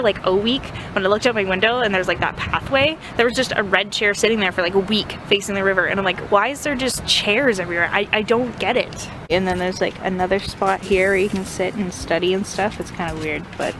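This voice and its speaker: A woman's voice: medium pitch, fairly quick, noisy background. A young adult woman giving a chatty, informal walking tour of a campus as a vlogger, recorded outdoors. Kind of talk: casual walking vlog chat.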